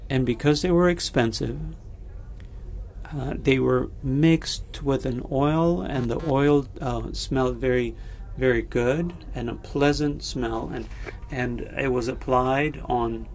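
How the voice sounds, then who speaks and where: A man preaching a sermon and leading a prayer, pausing often with fillers and restarting his sentences. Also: medium pitch, a little mellow, slight background noise. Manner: halting, many fillers and restarts, slow and deliberate. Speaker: pastor.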